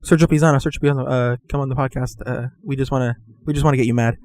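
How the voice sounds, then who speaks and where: A man's voice: mid-range voice, fairly even intonation, racing, a little mellow, slight background noise. A young man hosting a casual podcast, rambling with lots of fillers and restarts. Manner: rambling, filler-heavy, laughs easily. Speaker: podcast host. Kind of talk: casual chat.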